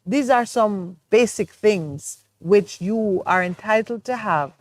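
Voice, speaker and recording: Speaking slowly in a mid-range voice, this woman from Jamaica co-hosts a morning talk show. In the studio discussion, she lays out her opinions earnestly and reflectively.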